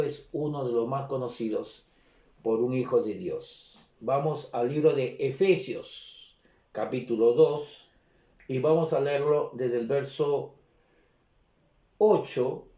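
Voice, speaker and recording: Mellow-voiced pastor preaching. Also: male voice, mid-range voice. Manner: earnest preaching, slows to stress scripture readings. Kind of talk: sermon. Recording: echoey room.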